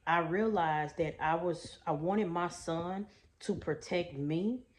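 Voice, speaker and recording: Speaking slowly in a lowish voice, a middle-aged woman from Houston, Texas, who works as a trauma coach, chats warmly and folksily through a story-time vlog, calling her audience "y'all" and "baby."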